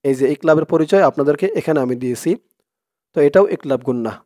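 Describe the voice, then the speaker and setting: A man teaching Quran reading, explaining each letter and rule, then chanting the verse slowly and drawn out. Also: a little high, dark tone, no echo, studio quality. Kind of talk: step-by-step recitation lesson.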